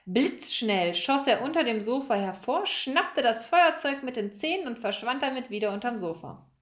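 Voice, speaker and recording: Woman reading a lively storybook. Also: fairly high pitch, normal speed. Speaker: audiobook reader. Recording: echoey room.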